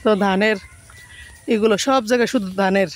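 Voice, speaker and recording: A woman from Bangladesh vlogging as she walks along a village road, speaking quietly and a little muffled by a face mask. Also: medium pitch, fairly quick. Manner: soft-spoken, talks quietly in public. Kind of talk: casual walking vlog.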